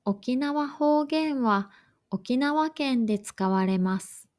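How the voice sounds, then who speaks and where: A woman reading a scripted lesson for learners in a slow, careful, even way. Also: high voice. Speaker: language teacher.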